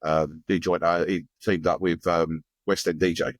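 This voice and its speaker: A man's voice: deep voice, little pitch movement, moderate pace, no room sound. A man with an Essex accent co-hosting a casual podcast, chatty and full of conversational tag questions. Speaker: podcast co-host. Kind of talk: casual chat.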